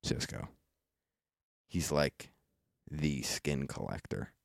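A man's voice: a bass voice, expressive, slow pace, vocal fry, no echo, studio quality. A man co-hosting a casual podcast chat, laughing often and filling his talk with "like". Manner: laughs often, lots of "like" fillers. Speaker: podcast co-host.

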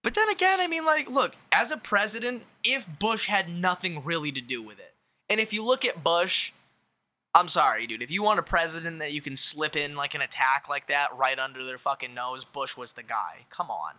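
A man's voice: on the high side, normal speed. A young man in casual conversation, talking animatedly and swearing freely. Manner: animated, swearing, shouts when acting out quotes. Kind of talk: casual chat.

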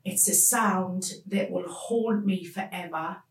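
A woman tells a painful personal story as a podcast guest, speaking haltingly with many pauses. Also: fairly low pitch, distant mic. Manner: slow, halting, emotional retelling with many pauses. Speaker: podcast guest telling her life story. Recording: roomy sound, voice off the mic.

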